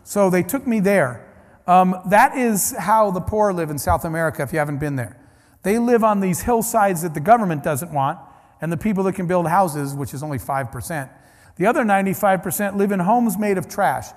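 A man's voice: sits high, animated, fairly quick. A man giving a conference keynote, telling stories in a conversational, anecdotal way with restarts and asides. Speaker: keynote speaker. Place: large conference hall. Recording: long hall reverb.

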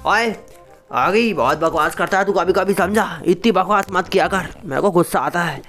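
Jack, a swaggering cartoon cat bully, put on by a man, talks in a high, pushy voice and throws slangy threats around. Faint music plays under his gameplay banter. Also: normal speed, fairly bright tone. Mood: bossy. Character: brash boastful cartoon cat, hot-tempered bully.

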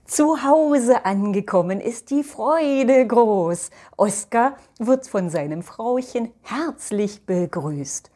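An older woman reading a children's picture book aloud as a storytelling grandmother, gentle and addressing the children. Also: on the high side, lively intonation, slow pace, few pauses.

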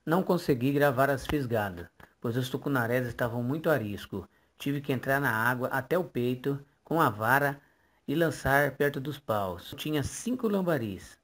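A man's voice: mid-range voice, lively intonation, normal speed. A man giving a matter-of-fact voice-over recap of a fishing trip. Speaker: narrator. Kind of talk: plain voice-over narration.

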